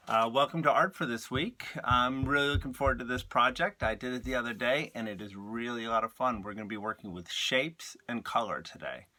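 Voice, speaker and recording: A man's voice: medium pitch, bright, forceful tone. A man teaching an art lesson to young children, explaining patiently and spelling words out for them. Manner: slow, patient, spells things out.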